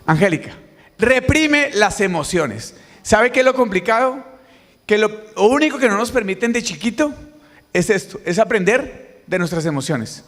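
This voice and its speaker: A middle-aged Colombian man giving a conference talk, lively and quizzing the audience directly. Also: high-pitched, normal speed. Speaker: motivational speaker. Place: large conference hall. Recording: reverberant hall, mic on stage.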